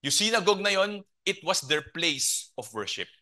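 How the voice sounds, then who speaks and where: Male Filipino preacher, lively sermon delivery, fairly high bright voice. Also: moderate pace. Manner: animated, asks the congregation questions, mixes Tagalog and English.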